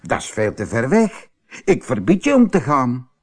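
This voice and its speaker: A man's voice: mid-range voice, huge pitch swings, normal speed, darkish tone. A man voicing a stern, scolding mother in a storybook. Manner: scolding, forbidding. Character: stern scolding mother, middle-aged woman.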